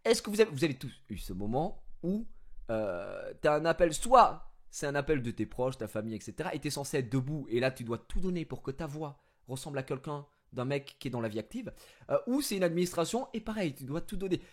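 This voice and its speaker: A man telling a story in a casual vlog, rambling with fillers, using crude slang and breaking into mock-indignant shouting. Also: fairly high pitch, sing-song, brisk. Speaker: streamer.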